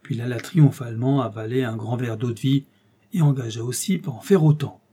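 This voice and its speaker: Husky, dark-voiced male audiobook narrator. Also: mid-range voice, brisk. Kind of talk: scripted literary narration.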